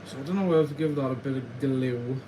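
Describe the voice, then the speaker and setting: A fast-talking young man from West Wales, medium-pitched, chats casually on a live stream over a noisy background. At his indoor workbench he's building a model farm, reading viewers' questions aloud and muttering as he works.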